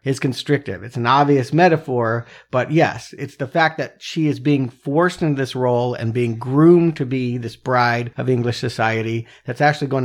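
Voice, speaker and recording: Male co-host, mid pitch, thoughtful film analysis, casual. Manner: analytical, joking. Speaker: podcast co-host. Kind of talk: casual film review chat.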